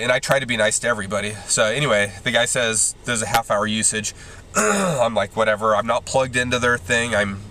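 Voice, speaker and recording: Rambling man with a bright tone. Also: on the low side. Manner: rambling, restarts often, exasperated. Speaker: vlogger. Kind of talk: casual rant to camera. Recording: faint background noise.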